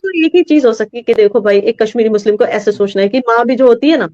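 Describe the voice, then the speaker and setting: A woman's voice: fairly high pitch, quick pace, mellow, no echo. A woman from Kashmir, a guest who argues her point earnestly and emphatically with homely examples. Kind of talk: earnest conversational argument. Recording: dry, slightly muffled audio.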